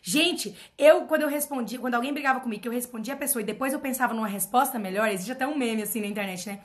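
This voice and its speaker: A woman racing along in a fairly high-pitched voice gives her followers an emphatic motivational talk. As a personal development mentor, she repeats herself for emphasis and asks rhetorical question after rhetorical question.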